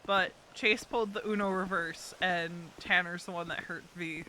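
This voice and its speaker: Bright-voiced woman chatting on stream. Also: on the low side, fairly even intonation, moderate pace, a little hiss or hum. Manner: chatty, laughs often while talking to chat. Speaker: roleplay streamer. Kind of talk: casual live-stream chat.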